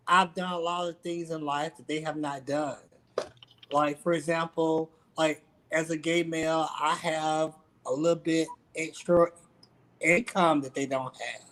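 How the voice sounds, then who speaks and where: A man who is a guest on a panel talk, explaining his view in a measured way with examples. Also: fairly high pitch, flat delivery.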